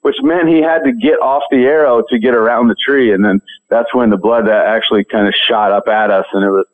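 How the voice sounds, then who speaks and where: A man's voice: medium pitch, fairly even intonation, fairly quick. A man telling casual stories as a guest calling in to a radio interview, on a dull, band-limited line. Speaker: interview guest, hunting show presenter.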